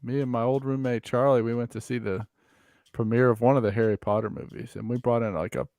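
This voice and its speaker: A man's voice: medium pitch, little pitch movement, fast talker, a little mellow. A man in his thirties in casual, profane chat, telling joking stories about going out with friends. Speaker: streamer.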